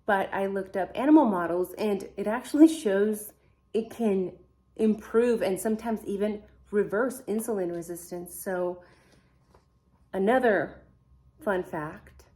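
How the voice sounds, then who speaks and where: A non-native English-speaking woman hosts a laid-back true crime vlog, chatting to viewers, musing aloud and asking them questions. Her voice sits at medium pitch, moves at a normal speed, and sounds warm.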